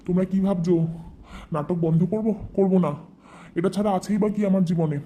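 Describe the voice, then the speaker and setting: A man's voice: sits high, brisk, mellow, close to an everyday voice. A man playing a whiny, scheming vlogger son. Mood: whiny melodrama. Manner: whiny, theatrical groaning. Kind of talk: satirical live-stream parody.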